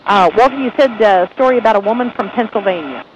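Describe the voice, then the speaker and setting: A man hosting a radio talk show, announcing breaks and introducing his guest in a brisk, announcer-like way. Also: high voice, lo-fi sound. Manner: brisk, announcer-like, spells things out. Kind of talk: radio host patter. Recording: noisy radio broadcast.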